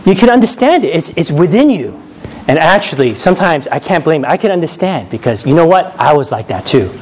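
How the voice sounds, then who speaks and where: A man from New York, USA preaches in a sing-song, brisk manner with a fairly high pitch, keeping it chatty and often prompting listeners with "right?" He laughs at his own stories, and there's slight background noise.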